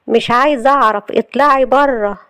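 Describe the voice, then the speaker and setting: A woman voicing a furious, heartbroken young wife in Egyptian Arabic, shouting sharp accusations. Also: high voice, quick pace, pitched above the performer's own voice, natural voice.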